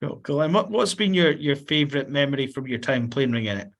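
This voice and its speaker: A man's voice: mid-range voice, expressive, brisk. A man hosting a sports podcast, asking questions casually and often repeating words as he starts them. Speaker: podcast host. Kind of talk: casual interview.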